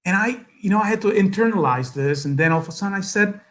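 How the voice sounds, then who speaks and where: A Salvadoran guest speaker in middle age gives a heartfelt speech at an event, his fairly high, slightly bright voice full of lively intonation. Speaking accented English, he pauses often on fillers to gather his thoughts and slips into Spanish at times.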